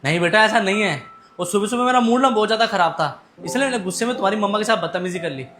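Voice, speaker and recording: A man acting as a hot-tempered husband and father, shouting at times and speaking softly when he apologizes, in a family drama skit. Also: sits high, very fast, soft background music. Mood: apologetic.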